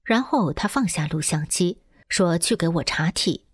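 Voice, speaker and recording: Low, husky woman reading a testimony. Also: lively intonation, measured pace, no room sound, studio quality. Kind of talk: first-person testimony narration, read aloud.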